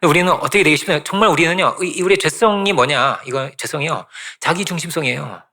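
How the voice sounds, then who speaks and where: A man's voice: a little high, quick pace, pushed and bright. A male pastor giving a conversational sermon, often asking the congregation "right?" and repeating phrases for emphasis.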